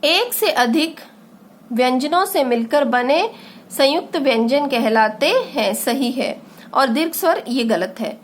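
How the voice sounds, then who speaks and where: A woman's voice: high-pitched, lively intonation, takes it slowly, a little hiss or hum. A woman teaching a children's grammar lesson, asking questions and answering them herself. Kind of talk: grade-three Hindi grammar lesson.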